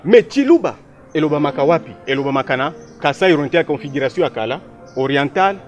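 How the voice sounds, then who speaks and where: A man makes his case in a political discussion, lecturing and emphatic. His voice sits a little higher than most men's. He often works through long lists of countries and centuries. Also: lively intonation, quick pace, soft background music. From DR Congo.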